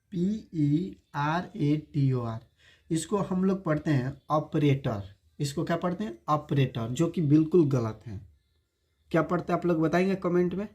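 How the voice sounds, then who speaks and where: A male teacher giving an online spoken-English lesson, spelling words out slowly letter by letter and quizzing viewers with repeated rhetorical questions. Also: a little high, dark tone.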